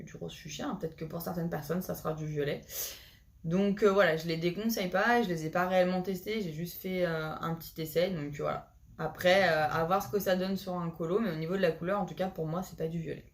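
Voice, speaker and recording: A woman talks casually to her viewers in a somewhat low voice. She is chatty and hesitant, often pausing on fillers and restarting her sentences. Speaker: vlogger showing a haul of coloring supplies. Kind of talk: casual chat to camera.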